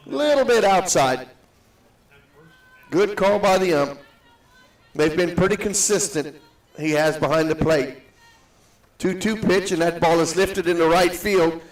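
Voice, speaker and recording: A man's voice: high-pitched, unhurried, long pauses, far from the mic. Man calling play-by-play with cave-like echo. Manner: steady count-calling, matter-of-fact. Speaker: play-by-play announcer. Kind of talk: live softball commentary. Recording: echoey booth, set back from the mic.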